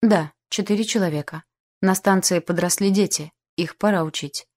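A woman voicing a calm male ship captain who speaks in a measured, matter-of-fact way, in an audiobook. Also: medium pitch, lightly acted. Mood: businesslike.

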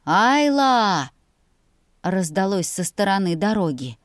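A woman's voice: medium pitch, normal speed, darkish tone, dry recording. Woman reading a story, dry close sound. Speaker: audiobook narrator. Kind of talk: first-person storybook narration.

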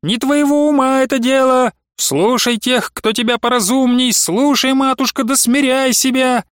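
Male narrator as a firm elderly matron scolding gently, high pitch, dry close sound. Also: fairly even intonation, moderate pace, smooth, dry recording. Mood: firm admonishing. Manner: firm, admonishing, coaxing. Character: elder matron of a almshouse, woman, admonishing.

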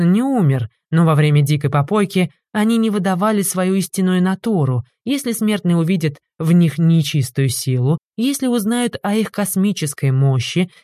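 A woman narrating an audiobook in a lively, mocking manner. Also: on the low side, normal speed, few pauses, dry recording.

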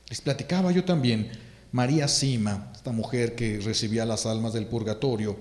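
A priest giving a fervent sermon, repeating phrases for emphasis. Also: male voice, medium pitch, a little mellow, reverberant.

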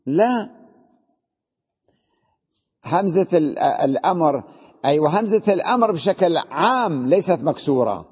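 A man with a fairly high, husky voice teaches a grammar class. He explains step by step and keeps asking his students questions. The recording is dull and lo-fi, with a long hall reverb. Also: sing-song, a little slow, pauses often. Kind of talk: classroom lesson.

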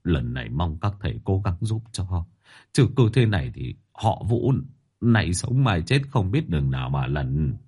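A man's voice: low-pitched, sing-song, normal speed, a little mellow, husky, exaggerated voice. A man voicing a frightened older clan head who pleads in a trembling voice. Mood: fearful pleading.

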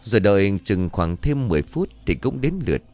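Deep-voiced male ghost story narrator. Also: brisk, soft background music. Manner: expressive, dramatic reading.

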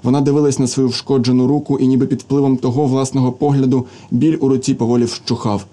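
A man narrating a literary novel as an audiobook, in a steady, even manner. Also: medium pitch, fast talker.

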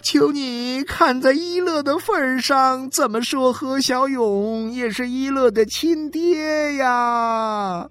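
A woman's voice: high-pitched, animated, takes it slowly, no room sound, faint music behind, heavily acted. A woman voicing a desperate wife who is crying and pleading for her dying husband, with a wailing, tearful delivery. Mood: pleading tearfully. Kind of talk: dramatic reading.

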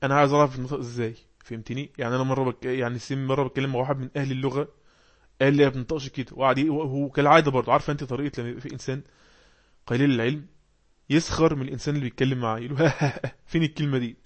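A man with an Egyptian Arabic accent teaches an English class, talking quickly and firing questions at his students. He reads English passages slowly, then explains each word. His pitch sits in the middle range. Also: flat delivery. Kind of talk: online class for learners.

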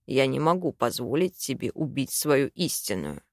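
A woman voicing a stern young man who is a dragon shifter, speaking low, weary and firm. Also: sing-song, moderate pace, dry recording, studio quality, full character voice. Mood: grim.

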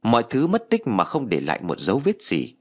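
A man narrating a ghost story in an expressive storytelling manner with a husky voice. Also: medium pitch, brisk.

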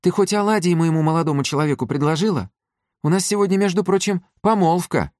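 A man's voice: high voice, fast talker, darkish tone, no room sound, voice pushed up, close to an everyday voice. A cheerful young woman who teases lightly in a raised, lilting voice, as a male narrator puts her on. The storybook reading is dry and close. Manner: playful, teasing.

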